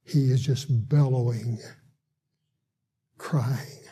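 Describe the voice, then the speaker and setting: A man who visits hospitals to evangelize, telling a testimony in an earnest way and slowing down for emphasis. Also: mid-range voice, warm tone, slightly rough. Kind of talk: testimony storytelling.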